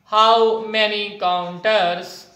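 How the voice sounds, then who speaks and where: Slow, halting teacher with a Pakistani accent, sex unclear. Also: mid-range voice, fairly even intonation, pushed and bright. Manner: halting, piecemeal phrasing. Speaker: maths teacher. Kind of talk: instructional maths lesson at a whiteboard. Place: indoors at a whiteboard. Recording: echoey room.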